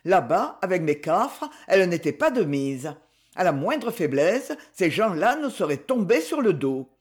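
A woman's voice: fairly low pitch, very animated. A stern, cold young man, as a woman reads him. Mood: explaining. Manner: firm, measured, self-possessed. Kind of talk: audiobook novel reading.

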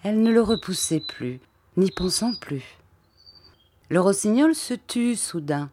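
A woman narrating a classic novel in a measured, unhurried reading voice. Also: medium pitch, lively intonation, dark tone, slight background noise. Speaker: audiobook narrator. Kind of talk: scripted literary narration.

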